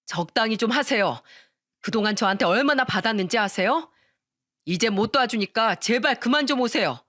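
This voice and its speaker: A woman's voice: on the low side, unhurried, dry recording, clean studio sound. A woman voicing a protective young husband in a narrated radio story, firm with his mother and caring with his wife. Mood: angry.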